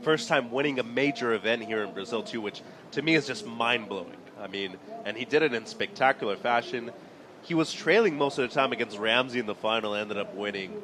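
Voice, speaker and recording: Calling a sporting event live, a play-by-play commentator with an ordinary, mid-pitched voice reads out scores and the clock in a steady, informative way. He talks a little fast, and a crowd can be heard behind him.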